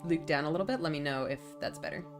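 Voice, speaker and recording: A woman's voice: deep voice, quick pace, soft background music. A woman game streamer chatting casually as she plays.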